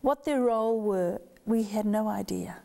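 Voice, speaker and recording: A woman's voice: medium pitch, measured pace, vocal fry, mellow. A middle-aged woman from Yugoslavia, a guest in an interview, telling her story animatedly and acting out the voices of family members.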